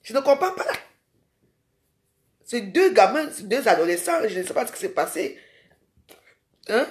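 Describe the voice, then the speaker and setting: A woman's voice: fairly high pitch, sing-song, normal speed. A woman ranting in a live social media video. She is confrontational and scolding and keeps firing rhetorical questions at her viewers.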